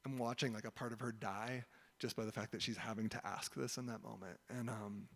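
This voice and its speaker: A man preaching a sermon in a relaxed, conversational way, telling a story with lots of "like" and "um". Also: on the low side, brisk, vocal fry. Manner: conversational, heavy use of "like" and "um". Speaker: pastor. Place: church hall. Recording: long hall reverb.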